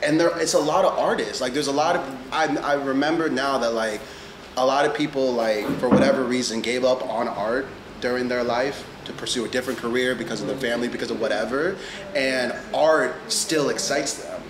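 A man actor talking casually and excitedly, with many fillers, in a roundtable discussion. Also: medium pitch, brisk, reverberant, background noise. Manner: casual, excited, heavy use of like.

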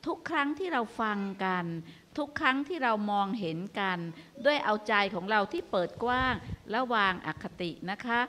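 Older lady doing a lively dharma talk on a live stage, keeps asking the parents questions. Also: fairly high pitch, normal speed, few pauses. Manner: animated, asks rhetorical questions. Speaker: Buddhist teacher hosting a live show.

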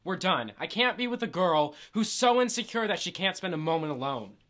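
A man's voice: high voice, sing-song, brisk, a bit bright, slight background noise. A young man playing a fed-up boyfriend bickering with and accusing his girlfriend in an amateur short film. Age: young adult.

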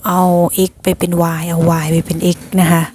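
A woman's voice: moderate pace, noisy background. A woman teacher patiently explaining a math lesson to her students, often calling them "child" affectionately.

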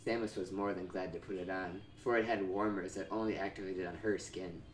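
A man's voice: sits low, fairly even intonation, a little fast, roomy sound. A man hosting a show, giving a casual comedic reading and laughing often as he goes. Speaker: host reading fan fiction aloud.

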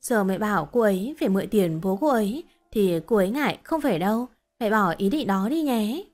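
A woman voicing a smooth-talking young husband. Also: medium pitch, animated, fairly quick, darkish tone, soft background music, close to an everyday voice. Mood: coaxing.

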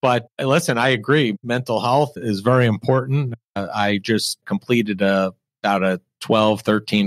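A man's voice: lowish voice, no room sound. A middle-aged man with an American accent, interviewing a guest as a podcast host in a conversational way.

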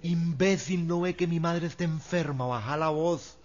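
A man's voice: sits high, expressive, quick pace, fairly bright tone. A man voicing an angry, scolding wife in a comedy routine, on a lo-fi recording. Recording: lo-fi dull recording.

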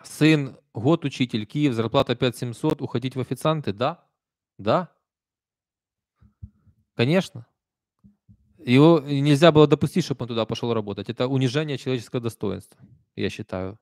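With a mid-range voice at a moderate pace and long pauses, a Ukrainian man in his thirties reads viewer comments on a live stream in a Kyiv Russian accent. His talk is conversational and emphatic, dotted with soft asides. The dry, studio-quality recording comes from a desk stand mic close up in a small indoor room.

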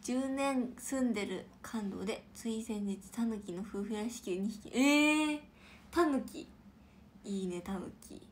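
A young woman chatting on a casual livestream and reading viewer comments aloud. Her somewhat high voice stays playful and rambling, and she often drops into soft whispered asides. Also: slight background noise. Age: young adult.

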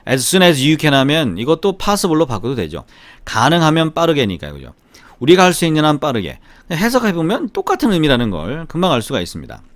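Lively Korean man teaching grammar. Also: a little high, brisk, no room sound. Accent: slight Gyeongsang Korean, mostly Seoul-like. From Gyeongsang, South Korea. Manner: lively, chatty, often asks "right?". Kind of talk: grammar lesson with repeat-after-me drills.

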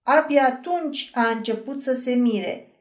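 A woman narrating an audiobook in a measured, expressive reading. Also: sits high. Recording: roomy echo.

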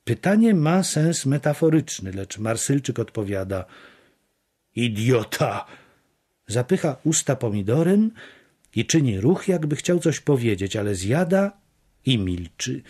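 A man reading literary prose as an audiobook, measured and deliberate. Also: mid-range voice, big pitch swings, dark tone, breathy edge. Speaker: audiobook narrator.

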